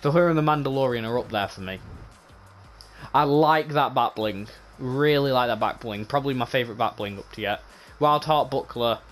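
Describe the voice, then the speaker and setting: A man giving casual, rambling commentary on game items, often repeating himself, with a voice going hoarse. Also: mid-range voice, normal speed, fairly bright tone, soft background music. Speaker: gaming channel host.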